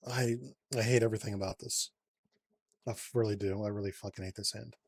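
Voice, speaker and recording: This is casual playthrough commentary from a channel host playing a card game alone, muttering card counts and cursing without restraint. He speaks briskly in a lowish voice, keeping his intonation fairly even.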